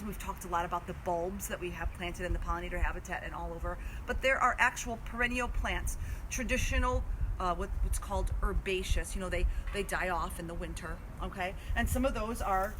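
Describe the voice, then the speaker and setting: Outdoor live video with clear background noise and passing vehicle sound. A woman of average pitch hosts an informal garden explainer. She talks in a stop-and-start, halting way as she goes.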